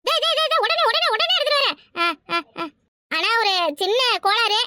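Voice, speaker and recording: A woman voicing a brash, quarrelsome village woman in a cartoon, talking loudly and boastfully. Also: very high-pitched, expressive, a little fast, no echo, full character voice. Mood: pleading. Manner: loud, boastful, argumentative. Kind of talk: cartoon voice acting.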